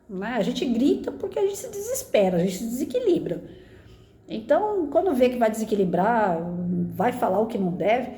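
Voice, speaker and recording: A woman's voice: fairly high pitch, mellow, roomy sound. A woman in her fifties, a former teacher, giving earnest conversational advice on family life and often ending phrases with tag questions. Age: 50s. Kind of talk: casual spoken reflection to camera.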